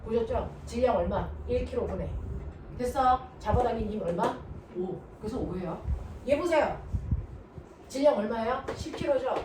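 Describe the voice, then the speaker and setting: A woman with a fairly high voice gives a lively physics lecture at a normal pace, constantly quizzing her class with check-in questions. She is recorded from a distance in an echoey, noisy room.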